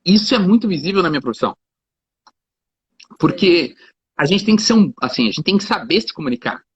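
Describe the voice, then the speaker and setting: A lawyer appearing as a guest chats casually in a high, husky voice with lively intonation and a slightly quick pace. Talkative, he explains his points through everyday examples, peppering them with fillers like "cara" and "né," all on a dull lo-fi recording.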